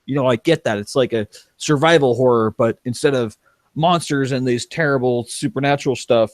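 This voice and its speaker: A man's voice: mid-range voice, a little fast, no room sound. A young man talking as a podcast guest, rambling, restarting his sentences and laughing. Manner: rambling, self-interrupting, laughs. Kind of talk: casual chat.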